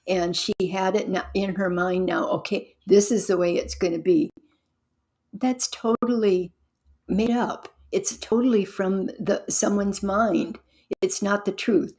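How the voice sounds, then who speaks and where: A woman pastor reading a story aloud and pausing for earnest, reflective comments. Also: medium pitch, darkish tone.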